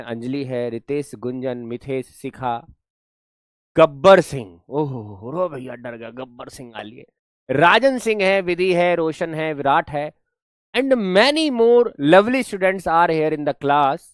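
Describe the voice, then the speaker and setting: A man with a somewhat high voice speaks slowly and smoothly, recorded cleanly in a studio with no echo. He's running an online English class in Hinglish, spelling words out letter by letter and scolding his students playfully.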